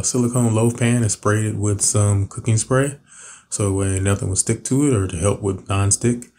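Relaxed man, low mellow voice. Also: slight background noise. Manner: relaxed, many "uh" and "um" fillers. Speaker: cooking channel host. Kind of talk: casual recipe voice-over. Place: home kitchen.

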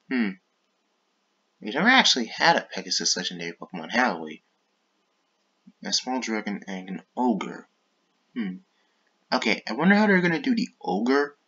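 A man's voice: mid-range voice, a bit bright, slightly rough, lo-fi sound. A man hosting his own gaming channel, talking in a casual, rambling way, often breaking off mid-thought to apologize and change course. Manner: rambling, self-interrupting, apologetic asides. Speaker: YouTube gaming channel host.

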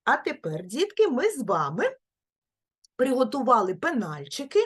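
A woman teaching a speech-sound lesson to small children, praising them and repeating each word slowly and clearly. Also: high-pitched, wildly swooping pitch. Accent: Ukrainian. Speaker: preschool teacher.

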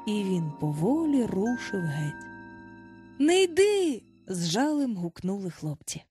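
A woman narrating a children's storybook aloud with animated expression. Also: mid-range voice, measured pace, soft background music. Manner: animated, voices each child in turn. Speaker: audiobook narrator.

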